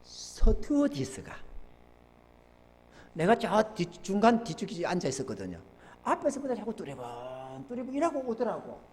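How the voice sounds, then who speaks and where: A male pastor preaching a sermon, telling folksy stories with sudden loud outbursts. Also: sits high, wildly swooping pitch, normal speed. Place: church sanctuary. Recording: church hall with long reverb.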